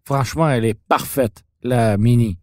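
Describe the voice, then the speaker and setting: A man with a Québécois French accent co-hosting a podcast, telling stories in a teasing, animated way. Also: mid-range voice, moderate pace, dry recording, studio quality. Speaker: podcast co-host. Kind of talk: casual podcast chat about car films.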